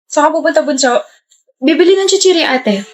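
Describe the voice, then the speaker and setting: A woman performing scripted comedy-skit dialogue in a playful, excitable way, with sudden shouts. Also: sits high, brisk, slight background noise.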